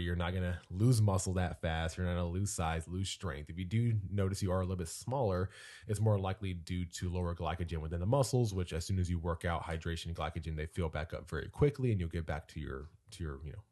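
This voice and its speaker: A young man with a very low voice, dropped further by a recent cold. He chats loosely on a podcast, filling pauses with "um" and "like". He slips in the odd joke. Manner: relaxed, many fillers, jokey. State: deep voice from a cold. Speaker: podcast co-host. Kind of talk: casual podcast chat.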